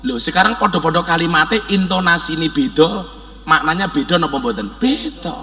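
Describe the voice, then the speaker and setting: Male preacher, Javanese accent, comic sermon, bright high voice, hall reverb. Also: a little fast, soft background music. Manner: joking, animated, mixes Javanese into Indonesian, shouted takbir bursts. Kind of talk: humorous sermon.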